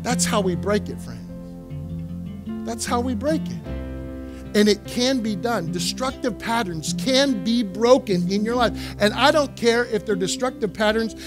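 A male pastor preaching a sermon in a church, repeating phrases for emphasis and swinging from quiet asides to loud exhortation. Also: high-pitched, lively intonation, unhurried, music in the background. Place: church sanctuary.

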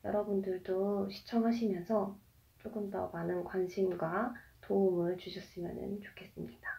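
A woman's voice: mid-range voice, little pitch movement, moderate pace, gravelly, distant mic, muffled recording. A woman politely and formally addressing viewers with a campaign announcement. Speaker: streamer taking part in a charity challenge.

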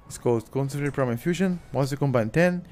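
Quick, rambling male gamer. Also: mid-range voice, darkish tone. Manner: rambling, self-correcting. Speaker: streamer. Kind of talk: casual stream chat.

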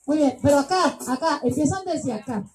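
A woman with a Mexican accent hosting party games for children as a clown, playful and joking, often shouting commands. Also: high-pitched, moderate pace, a little hiss or hum, poor audio.

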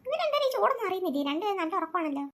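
A woman's voice: extremely high pitch, very animated, very fast, a bit bright, full character voice. A woman voicing a young girl alone at night in a cartoon, frightened and muttering to herself. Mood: musing. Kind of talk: cartoon voice acting.

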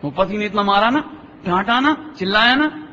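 A male religious teacher tells parables in a high, bright voice, breaking off to ask whether the audience follows. He acts out the people in his stories. The sound is dull and lo-fi, with a long hall reverb. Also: animated, normal speed, a little hiss or hum. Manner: storytelling, checks understanding with rhetorical questions. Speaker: Jain scholar giving a discourse. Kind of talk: sermon with parables. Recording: dull, echoey lecture hall.

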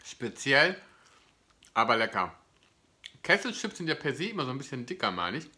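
Seated on a sofa in a living room, a food review host gushes enthusiastically to his viewers in casual chat. His mid-range voice is sing-song and sharp-toned at a moderate pace, picked up by a camera or phone about arm's length away.

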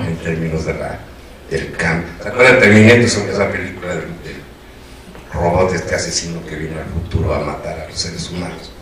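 A middle-aged man with a Mexican accent chats loosely as moderator, restarting his sentences as he goes. His voice sits low and carries a heavy echo, heard from a distance with a faint background hum. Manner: rambling, chatty, many restarts. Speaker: moderator, academic. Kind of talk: casual panel commentary. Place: lecture room. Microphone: distant room mic. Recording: echoey room from a distance.

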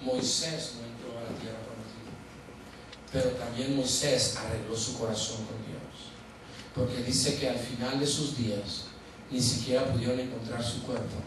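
A male pastor preaching a sermon, voicing people in his story and moving into earnest appeals. He is picked up from a distance in a very echoey church hall. Steady noise sits under his voice. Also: medium pitch. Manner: acts out dialogue, then slows to earnest exhortation. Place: large church sanctuary.

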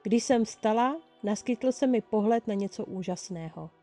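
Woman reading a story, dark mellow tone. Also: medium pitch, faint music behind. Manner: lively first-person storytelling. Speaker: fan-fiction reader.

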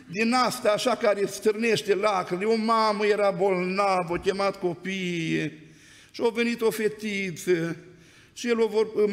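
A man's voice: high voice, fairly bright tone. A man preaching a sermon in a church, telling stories in a conversational way and often prompting the congregation with "amen?". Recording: long church hall reverb.

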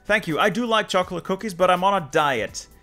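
This game streamer from Flanders, Belgium, whose first language is Dutch, gives casual commentary while playing strategy and talking to his audience. He sits high in pitch, speaks a little fast, and sounds bright and forceful, though his manner stays dry and muttered. There's faint background music.

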